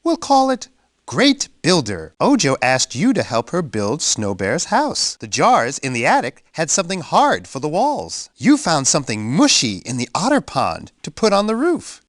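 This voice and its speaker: Bear, a hugely animated friendly cartoon bear. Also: male voice, on the high side, normal speed, no echo, clean studio sound. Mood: warm, proud. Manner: encouraging, expressive, exaggerated sniffing and reactions. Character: big friendly male bear, cheerful playful children's guide. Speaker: children's game character and storyteller. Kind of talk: children's edutainment game narration.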